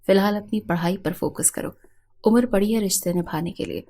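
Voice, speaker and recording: A woman voicing a stern, distant young husband in her own reading voice, mellow and plain. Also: mid-range voice, steady tone, close to an everyday voice.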